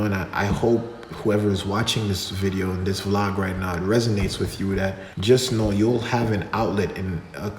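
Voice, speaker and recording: A deep-voiced man with a Jamaican accent speaks in a casual, motivational vlog. He talks earnestly, with filler words here and there. The room echoes, with a long reverb tail and faint ambience behind him. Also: slight background noise. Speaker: vlogger and dancer. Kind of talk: casual reflective vlog talk.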